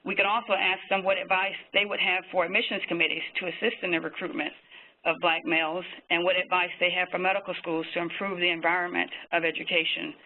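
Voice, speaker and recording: A man with a high voice, speaking in a flat and even tone. He gives prepared webinar remarks at a measured pace, pausing often on fillers. The sound is thin and tinny, like a phone line. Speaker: physician panelist.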